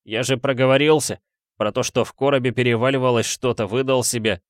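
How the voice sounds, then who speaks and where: A man's voice: mid-range voice, steady tone, fairly quick, dry recording, clean studio sound, pitched above the performer's own voice, natural voice. A man voicing a panicky young male fugitive who pleads and wails his innocence in a rush of words. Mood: pleading. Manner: frantic, wailing, words tumbling out.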